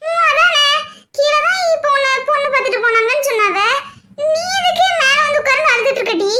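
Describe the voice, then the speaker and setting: A woman's voice: very high-pitched, animated, brisk, pushed and bright, heavily acted. A woman voicing Karthi, an affectionate, emotional young wife in a cartoon, who pleads and teases and often sounds close to tears. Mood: worried. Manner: pleading and teasing, often tearful. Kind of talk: cartoon voice acting.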